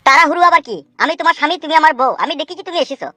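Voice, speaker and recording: A gloomy young village husband voiced by a woman in a comic cartoon. He dodges questions in a quick, dry voice that sits higher than most men's. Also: pushed and bright, no echo, soft background music. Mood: evasive.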